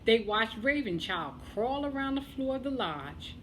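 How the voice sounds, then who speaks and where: Slow, high-voiced woman storyteller. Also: big pitch swings, a little hiss or hum, low-quality recording. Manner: deliberate, with dramatic pauses. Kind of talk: expressive scripted children's storytelling.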